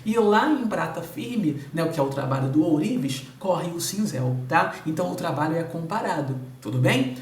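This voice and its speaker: A man with a Brazilian Portuguese accent, teaching a recorded literature lesson and often checking in with quick tag questions. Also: a little high, lively intonation. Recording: roomy sound from a distant mic.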